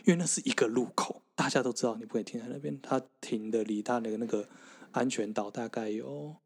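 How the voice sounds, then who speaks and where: A man with a Taiwanese Mandarin accent co-hosts a casual podcast. He talks in an unhurried, playful way, with a middle-pitched voice. He lingers over the funny details of his stories. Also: a little mellow, breathy edge. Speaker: podcast co-host. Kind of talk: casual chat.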